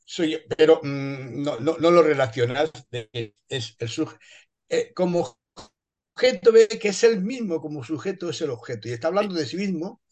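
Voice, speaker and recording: A man's voice: fairly high pitch, animated, moderate pace, a little mellow. A man taking part in a philosophy seminar, hesitant and searching for words. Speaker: seminar participant. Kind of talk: discussion in a seminar.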